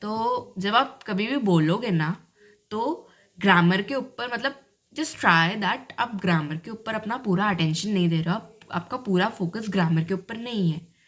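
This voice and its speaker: A woman's voice: medium pitch, unhurried. A young woman teaching learners in a chatty, casual way, often checking in with the listener. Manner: chatty, repeats "ठीक है" often. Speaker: English-learning tutor. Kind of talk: casual lesson talk.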